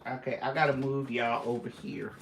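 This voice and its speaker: A woman's voice: rumbling low, steady tone, moderate pace, recorded from a distance. Chatty woman vlogging live in an echoey room. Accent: Southern US. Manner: playful, chatty, slips into a put-on Southern drawl. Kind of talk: casual live-stream chat. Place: home room. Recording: echoey room, voice from off the mic, loud background noise.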